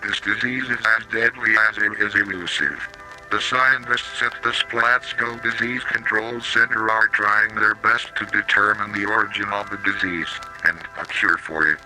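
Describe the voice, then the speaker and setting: In this low-quality recording, a sharp, fairly low synthetic male voice speaks with fairly even intonation, sounding robotic like text-to-speech. It narrates a scripted analog horror public-safety tape with strange pronunciations over slow background music.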